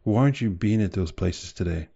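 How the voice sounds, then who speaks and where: A man's voice: low voice, lively intonation, brisk, creaky, dark tone, breathy edge, lo-fi sound. A man delivering a motivational speech in an emphatic, direct way, full of rhetorical questions and repetition. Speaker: motivational speaker.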